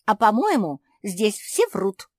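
A sharp, observant young female animal, played by a woman in a storybook. She lays out what she noticed in a curt, matter-of-fact way. The voice is close and dry. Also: mid-range voice, big pitch swings, slow pace, no echo, pitched above the performer's own voice.

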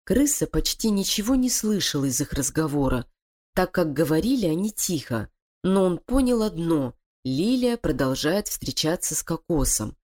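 A woman's voice: fairly low pitch, big pitch swings, normal speed, a little mellow. Woman reading a storybook aloud. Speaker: audiobook reader. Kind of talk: storybook narration.

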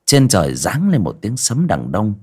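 A man narrating a village ghost story on a livestream, pausing and repeating words as he goes. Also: lowish voice, huge pitch swings, darkish tone, slight background noise. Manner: hesitant, repeats words and restarts.

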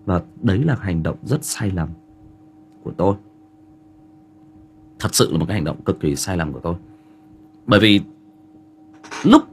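This low-voiced man, who speaks with a Northern Vietnamese accent, is hosting a livestream and rambling casually through a family story with plenty of fillers. A faint hiss or hum can be heard in the recording.

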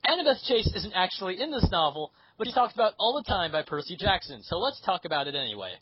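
A young man co-hosts a relaxed book discussion, joking in a deadpan way. His voice is a bit husky and moves around a lot in pitch. The recording is dull and dry. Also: quick pace, dry recording. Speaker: podcast co-host. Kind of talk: casual chat.

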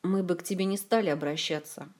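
A woman's voice: lowish voice, quick pace, a little mellow, close to an everyday voice. A woman voicing a gloomy, blunt male prince who speaks sullenly and to the point.

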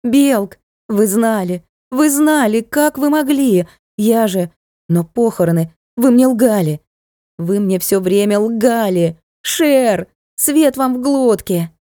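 A woman reading an audiobook voices a fiery young noblewoman who shouts in a high, shrill voice. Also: measured pace, few pauses, no room sound, studio quality, close to an everyday voice. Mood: furious.

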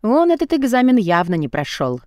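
A woman narrating a novel in the first person, in an even storytelling manner. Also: on the high side, brisk, no room sound, studio quality. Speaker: audiobook narrator.

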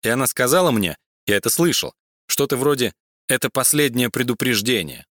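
Guy reading an angry private eye, lively pitch, dry close mic. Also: a little fast, no echo, close to an everyday voice. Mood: agitated. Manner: exasperated, pleading. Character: indignant male private detective, middle-aged.

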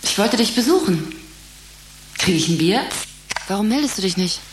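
Tough sarcastic girlfriend, husky, radio play. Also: mid-range voice, expressive, moderate pace. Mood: blunt. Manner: blunt, sarcastic, street-tough. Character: brash, tough young woman, blunt.

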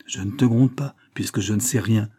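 A man doing a grave, gentle old grandfather. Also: fairly low pitch, normal speed, breathy edge. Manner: grave, tender.

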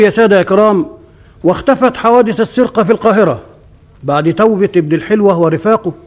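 A man's voice: sits high, a little mellow, close to an everyday voice. A man playing a traditional Arabic café storyteller, declaiming a folk epic in a formal radio-drama manner. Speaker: storyteller narrator.

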